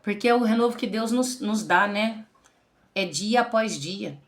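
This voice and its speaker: A Brazilian pastor in her forties gives an earnest religious testimony to the camera in a Brazilian Portuguese accent, calling her listeners brothers and sisters. Her voice is mid-range and a little slow.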